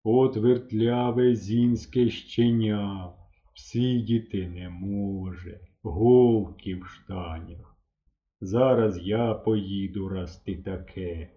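Guy doing a slow drawly fussy hunter, grumbly, low and dull lo-fi sound. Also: fairly even intonation, mellow. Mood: grumbling drawl. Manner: slow drawling, stretching his words. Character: fussy middle-aged man hunter, clumsy, easily upset.

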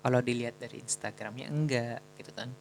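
Gravelly young man. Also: medium pitch, steady tone, fast, a little hiss or hum, poor audio. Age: young adult. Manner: chatty, slangy, self-mocking. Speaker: student telling a personal story. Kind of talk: casual storytelling.

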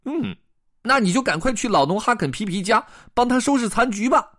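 Whale in a storybook, read by a man, high and squeaky, fretful, dry close sound. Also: brisk, no echo, exaggerated voice. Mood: mocking. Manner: squeaky and excitable. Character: chatty fretful whale blowing bubbles.

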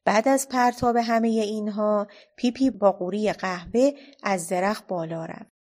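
A woman narrating a children's storybook in a steady, expressive read-aloud manner. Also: medium pitch.

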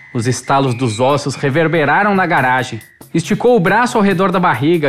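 Audiobook narrator, really lively up and down reading, faint music behind. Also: medium pitch. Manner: measured, expressive literary reading.

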